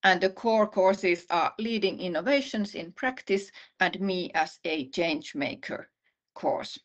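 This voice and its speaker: Speaking with a Finnish accent in a fairly low voice, a middle-aged woman gives an online presentation in her role as university vice-dean. Her delivery is measured, with many pauses and restarts, over slightly muffled video call audio.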